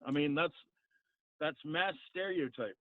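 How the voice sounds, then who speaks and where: A man with an American hillbilly twang calls in by phone, arguing in a plain-spoken, halting way. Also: on the high side, dry recording. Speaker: phone-in caller. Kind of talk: unscripted debate on a call-in show. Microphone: telephone. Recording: thin, narrow phone line.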